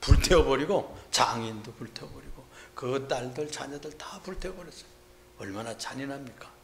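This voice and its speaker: A middle-aged male pastor preaching a Sunday sermon, retelling a story and acting out the shouts of its people. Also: medium pitch, lively intonation, moderate pace, vocal fry, a little hiss or hum.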